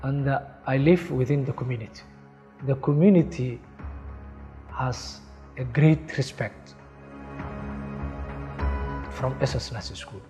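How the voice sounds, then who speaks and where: A man's voice: mid-range voice, slow, pauses often, dark tone, faint music behind. A man who works at a nursing school speaks earnestly in a documentary interview, stressing his points by repeating them. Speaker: nursing school staff member.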